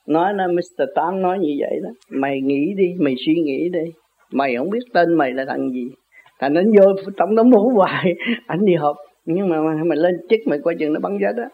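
This older man's voice sits high and has a slight roughness to it. Rambling casually and laughing frequently, he debates the origins of words with argumentative, homespun wordplay, all captured in thin, phone-like sound.

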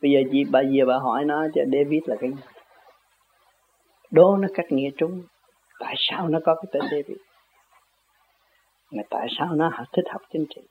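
Older guy rambling and chuckling, husky voice, sounds like over a phone. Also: a little high, fairly even intonation, normal speed, long pauses. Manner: chuckling, argumentative, folksy word-play. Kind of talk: casual rambling monologue. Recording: tinny phone-like audio.

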